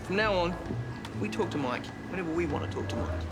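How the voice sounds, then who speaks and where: A brash young god, New Zealand accent. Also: male voice, high-pitched, expressive, fast. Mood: indignant. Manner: brash, mocking, playful. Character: cocky young male god, brash and joking. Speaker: actor in a TV series. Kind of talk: TV drama acting. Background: music.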